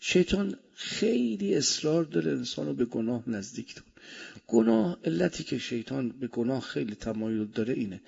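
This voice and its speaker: A man preaching a sermon with speech, swinging between loud emphasis and soft asides. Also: mid-range voice, animated, gravelly, husky. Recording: dull lo-fi recording.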